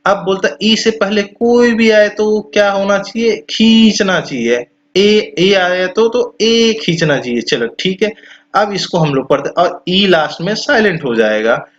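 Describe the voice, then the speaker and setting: A male teacher with a slightly raised voice explains pronunciation rules, saying each example word slowly and drawing its vowel out. The recording sounds a little dull and lo-fi. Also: high-pitched, expressive. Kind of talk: explanatory lesson.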